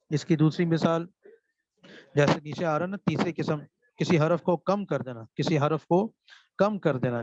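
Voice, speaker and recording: A Pakistani man with a fairly high, darkish voice teaches a seminary class on Quran recitation, asking his students questions, answering them himself, and repeating key terms. The recording is dull, dry and lo-fi, with no room sound.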